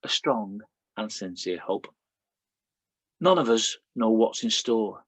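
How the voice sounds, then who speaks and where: A middle-aged poet from Lancashire reads his poems aloud in a Lancashire accent, introducing them with chatty asides and fillers. His voice is on the low side with lively intonation, he takes it slowly, and the recording is dry.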